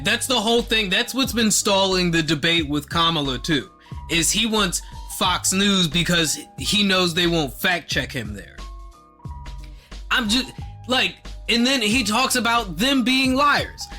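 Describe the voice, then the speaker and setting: Bright, high-voiced podcast co-host. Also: male voice, soft background music. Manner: animated, profane, laughing, jumps into quick impressions. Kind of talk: casual podcast banter.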